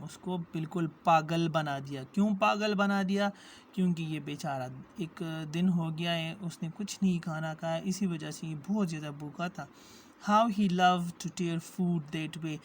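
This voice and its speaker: A teacher talking through a short story in a middle-pitched, even voice. Each English phrase is read out slowly, then unpacked in a long, hesitant explanation full of pauses and fillers. The tone stays patient and matter-of-fact throughout. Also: slight background noise. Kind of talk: reading a story line by line and explaining it.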